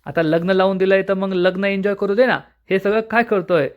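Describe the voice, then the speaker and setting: A man's voice: sits high, steady tone, fairly quick, muffled recording, close to an everyday voice. A man voicing a hot-headed young groom in a retold serial scene, reading his lines with mild animation. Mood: exasperated.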